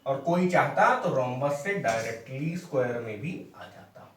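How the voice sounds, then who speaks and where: A man's voice: medium pitch, expressive, normal speed, far from the mic. A young adult man teaching maths, explaining step by step and checking in with his students. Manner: explains step by step, asks "ठीक है?" often. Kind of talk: classroom lecture at a board. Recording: echoey room, mic away from speaker.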